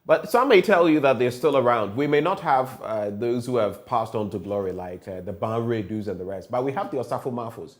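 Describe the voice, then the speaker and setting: A man's voice: mid-range voice, brisk, hardly any pauses. A man with a Ghanaian English accent hosting a morning newspaper review, reading headlines and asking pointed questions. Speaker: news review host.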